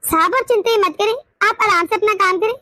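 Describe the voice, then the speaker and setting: A woman's voice: very high voice, fast, pushed and bright, no room sound, studio quality. A woman voicing an eager, deferential housemaid in a cartoon.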